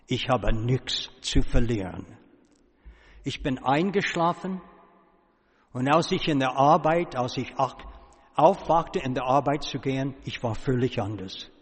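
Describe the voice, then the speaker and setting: A man telling his life story as a personal testimony, dropping his voice low at serious moments. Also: a little slow, breathy edge. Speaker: speaker giving a personal testimony. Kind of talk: slow personal testimony before an audience. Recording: reverberant hall.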